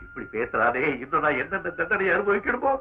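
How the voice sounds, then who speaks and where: A man's voice: fairly high pitch, big pitch swings, fairly quick, slightly rough, exaggerated voice. A middle-aged actor playing a grieving father who begs to be let in to see his wife. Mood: pleading. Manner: pleading, anguished. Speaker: long-lost father. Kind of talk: classic film melodrama. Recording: dull old film soundtrack, faint music.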